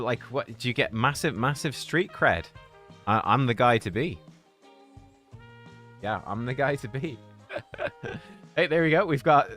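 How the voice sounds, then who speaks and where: A man's voice: medium pitch, fairly bright tone. A young man chatting loosely with his live-stream viewers as host, rambling, laughing often and greeting people in chat. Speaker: game streamer. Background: faint music.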